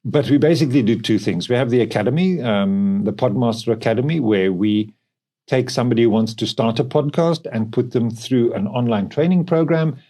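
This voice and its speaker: A South African man, a company co-founder, explains things expressively in a conversational interview. His voice is medium-pitched and mellow, and he talks a little fast.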